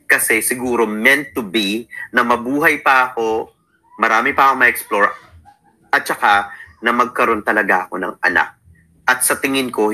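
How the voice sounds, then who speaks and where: Over poor audio, a man in his thirties speaks at medium pitch with a sharp tone and a Filipino accent. As an interview guest recounting his life in a relaxed conversation, he sounds sleepy, switches between Tagalog and English, and keeps quoting what he and others said.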